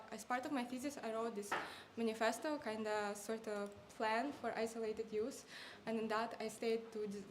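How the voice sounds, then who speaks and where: A young woman in her twenties delivers a thesis defense in a fairly high voice. She sounds nervous and hesitant, with apologetic, formal academic phrasing. The live recording has clear background noise. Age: 20s. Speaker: master's student defending a thesis.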